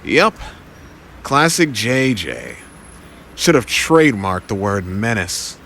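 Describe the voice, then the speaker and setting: Man as wisecracking, animated young Spider-Man. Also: fairly low pitch, takes it slowly, creaky, a little hiss or hum, heavily acted. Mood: breezy. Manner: quippy, breezy, teasing. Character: wisecracking, cocky young male superhero, friendly and playful. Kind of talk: audio drama acting.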